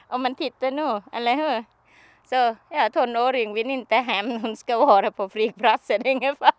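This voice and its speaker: A woman shares a personal experience during an interview, her simple sentences halting and full of restarts. Her voice runs on the high side, and the recording is dry.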